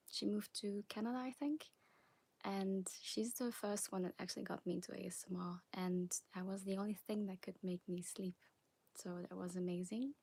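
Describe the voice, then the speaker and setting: Young woman, Flemish accent, soft half-whispered chat, live stream, dry close sound. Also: mid-range voice, vocal fry, breathy edge, no echo. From Belgium (Flanders). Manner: soft, partly whispered chat, nervous and giggly. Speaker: ASMR creator. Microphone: phone on a wobbly stand.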